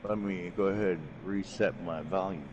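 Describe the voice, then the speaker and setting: A man's voice: low-pitched, fairly even intonation, moderate pace, highs cut off. A man chatting casually as a player in an online tabletop roleplaying game. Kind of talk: casual chat. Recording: faint background noise, online voice chat.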